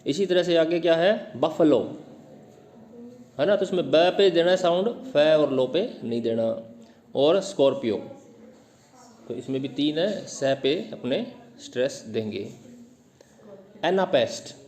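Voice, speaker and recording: Man, teacher, patient explainer, drills example words, a touch high-pitched. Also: animated, darkish tone. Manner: repeats words slowly to show stress, mixes English reading into Hindi explanation. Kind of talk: explaining English literary terms.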